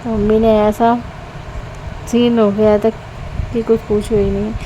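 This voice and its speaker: A woman's voice: medium pitch, little pitch movement, a little slow, muffled recording, background noise. A woman in her thirties narrating a casual vlog voice-over, rambling and chatty with many restarts. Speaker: vlogger.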